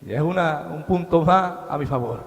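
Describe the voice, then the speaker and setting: Fervent guy preaching his testimony, high raspy voice, big echoey church. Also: normal speed. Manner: fervent, addresses listeners directly. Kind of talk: sermon testimony. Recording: long hall reverb.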